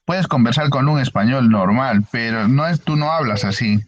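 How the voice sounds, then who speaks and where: A man's voice: medium pitch, moderate pace, no echo. Brief: male teacher giving an online lecture, explaining patiently and quizzing the class, with muffled lo-fi audio. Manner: explanatory, asks the class frequent questions.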